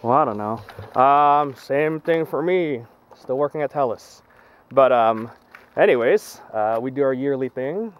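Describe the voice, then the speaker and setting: A man's voice: medium pitch, animated, unhurried, lo-fi sound. A young man chats casually while hosting a vlog from behind a handheld camera in the open air. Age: young adult. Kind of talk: casual chat. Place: open foggy lakeside, outdoors. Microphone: handheld camera mic. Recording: outdoor camera with background noise.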